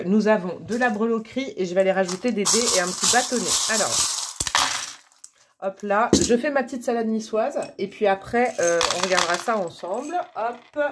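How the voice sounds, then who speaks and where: Chatty, playful woman reading tarot. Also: fairly low pitch. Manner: chatty and playful, joking and laughing at herself; talks straight to viewers, coaxing and encouraging. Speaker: tarot card reader. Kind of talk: casual tarot reading to camera.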